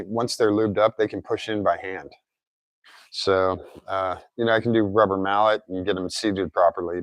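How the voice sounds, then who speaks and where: A man's voice: on the low side, no room sound. A man giving a casual hands-on repair tutorial, thinking aloud as he works, his articulation slightly off after recent oral surgery. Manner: informal, thinking aloud while working. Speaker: DIY car repair presenter.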